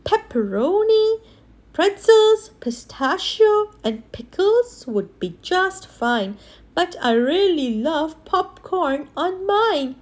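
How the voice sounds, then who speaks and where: An eager, polite storybook goose put on by a woman talks in a very high, animated voice. The words come slowly and emphatically, one by one, as if read to a toddler. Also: exaggerated voice. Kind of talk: picture-book character read to a toddler.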